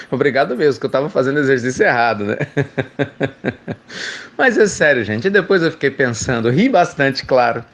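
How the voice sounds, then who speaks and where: A man's voice: medium pitch, muffled recording. Chatty Brazilian man giving a devotional talk. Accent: Brazilian Portuguese. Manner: chatty, warm, peppered with rhetorical tag questions. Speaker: spiritual speaker. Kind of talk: informal devotional reflection.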